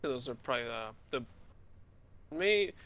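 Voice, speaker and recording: A man's voice: mid-range voice, expressive, a little slow, fairly bright tone. A man co-hosting a podcast, playful and teasing in casual chat. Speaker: podcast co-host.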